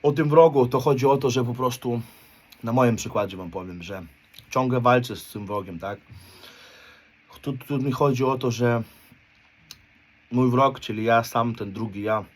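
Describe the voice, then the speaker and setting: A man's voice: medium pitch, measured pace, pauses often. A man in his thirties from Poland, talking bluntly in street slang and swearing constantly, often ending his points with a questioning "right?". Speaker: motivational speaker. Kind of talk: blunt confessional monologue.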